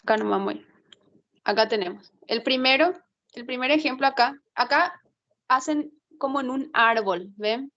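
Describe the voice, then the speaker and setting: A woman's voice: sits high, normal speed, fairly bright tone, dry recording, dull audio. A woman teacher explaining a lesson in an online class, patiently checking that students follow along and thinking aloud as she works the slides. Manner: checks understanding with frequent tag questions.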